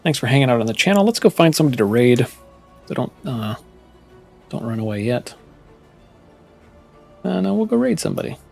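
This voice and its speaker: A man's voice: mid-range voice, very animated, brisk, gravelly, long pauses, faint music behind. A man chatting casually to his viewers while playing a game live, musing aloud as he goes. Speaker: streamer. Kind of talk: casual gameplay commentary.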